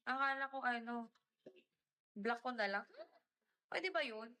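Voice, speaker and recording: A young woman livestreams and chats casually, greeting viewers by name and switching between Tagalog and English mid-sentence. Her voice is fairly high, steady and sharp, and she talks a little slowly.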